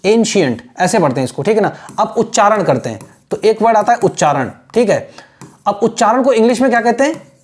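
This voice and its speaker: A man's voice: high-pitched, very animated, fast. A male teacher giving a screen-share language lesson, patiently repeating points, checking in with the viewer and drilling pronunciation syllable by syllable. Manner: mixes English phrases into his explanations.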